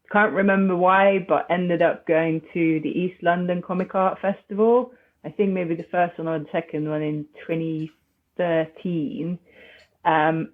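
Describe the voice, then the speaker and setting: Low-pitched and hesitant, this Hungarian woman appears as a podcast guest in a conversational interview, thinking aloud with many restarts and fillers. She comes through a tinny, phone-like remote line.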